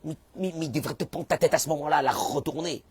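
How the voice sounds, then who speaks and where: A man preaching a sermon in as a rabbi, acting out the people he quotes and suddenly bursting into shouts. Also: on the high side, fast talker, husky, dry recording. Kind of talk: animated sermon.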